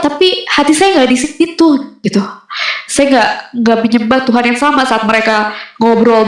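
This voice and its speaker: A young woman giving a casual personal testimony, pausing often with fillers as she talks. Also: on the high side. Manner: conversational with frequent fillers and hesitations. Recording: very echoey room.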